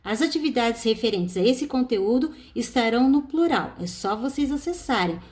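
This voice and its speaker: A Brazilian woman teacher giving a recorded online lesson, with a Brazilian Portuguese accent. Her voice sits fairly high and rises and falls a great deal. She explains step by step and leans on each example word. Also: animated, moderate pace, darkish tone.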